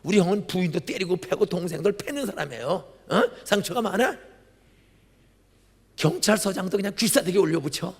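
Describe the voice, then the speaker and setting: Raspy older pastor preaching in a hall. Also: male voice, sits high, brisk. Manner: dramatic storytelling with sudden loud bursts and acted-out dialogue. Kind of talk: sermon. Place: large church sanctuary. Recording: church hall reverb.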